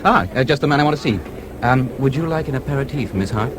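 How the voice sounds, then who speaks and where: An actor with an American accent plays a confident, genial American newspaperman in a radio drama, explaining things in a breezy, self-assured manner. His mid-range voice is expressive and quick, close to an everyday voice, and the radio play has clear background noise.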